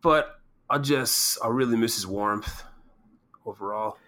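A man's voice: fairly low pitch, unhurried, pushed and bright. A man co-hosting a podcast, speaking in an earnest, heartfelt way. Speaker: podcast co-host. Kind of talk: casual podcast chat.

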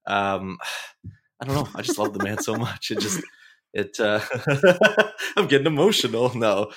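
A man's voice: fairly low pitch, unhurried, fairly bright tone, slight background noise. A man co-hosting a football podcast, chatting enthusiastically and laughing easily. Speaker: podcast co-host. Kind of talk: casual football chat.

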